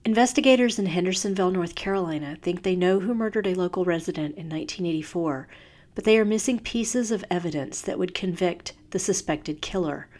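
A woman hosting a true crime podcast, reading scripted narration in a measured, serious storytelling manner. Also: on the low side, a little mellow.

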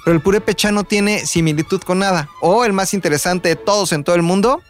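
A man's voice: sits high, fast talker, faint music behind. A man with a Mexican accent, casually explaining a topic from his notes to friends, with lots of fillers. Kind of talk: casual group chat.

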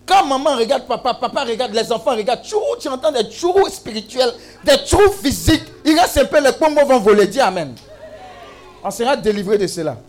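A man's voice: very high-pitched, animated, brisk. A man preaching a sermon, exclamatory and teasing, with call-and-response to the congregation. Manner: humorous asides and teasing.

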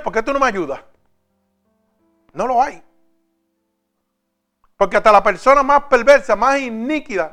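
High bright-voiced preacher man. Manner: reads scripture slowly, then preaches directly to listeners. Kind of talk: sermon.

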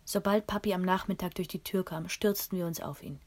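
A woman reading a first-person story aloud in a calm, measured way. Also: on the low side. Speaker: audiobook narrator.

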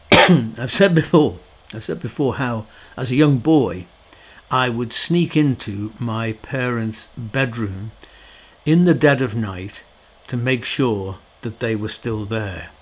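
A man's voice: medium pitch, slow, breathy edge. Reflective middle-aged man, chatty monologue. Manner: conversational, frequent fillers and restarts; wry, sorrowful tone about his subject.

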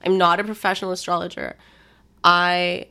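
Chatty, animated woman podcast host. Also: on the low side, normal speed. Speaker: host, meditation teacher. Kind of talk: casual podcast chat.

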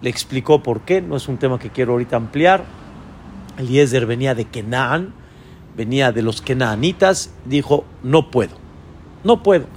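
A man, a rabbi, teaching a Torah lesson, asking his listeners rhetorical questions and jumping to a high voice when quoting figures. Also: lively intonation, normal speed, a little hiss or hum. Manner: voices quoted figures with sudden high pitch.

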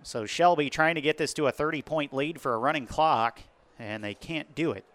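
Casting: male American football announcer, forceful bright tone, higher-set voice, live commentary. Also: moderate pace, no echo.

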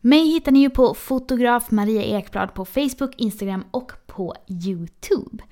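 A woman's voice: a little high, normal speed, mellow. A Swedish woman hosting a podcast, friendly, often laughing between questions. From Sweden. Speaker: podcast host. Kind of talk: podcast interview.

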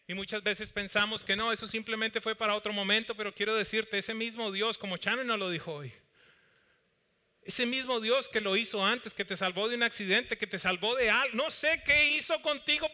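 Male preacher, high clear resonant voice, animated sermon delivery, church hall reverb. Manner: animated preaching, acts out Bible dialogue and skits.

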